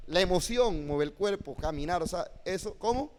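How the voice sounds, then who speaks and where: A man teaching a preaching class as a pastor, lively and constantly checking in with his listeners. His voice sits a bit high for a man. It rings with long reverb. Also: moderate pace. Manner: animated, asks "¿sí o no?" of listeners. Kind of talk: classroom lecture with preaching demonstrations. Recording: hall reverb.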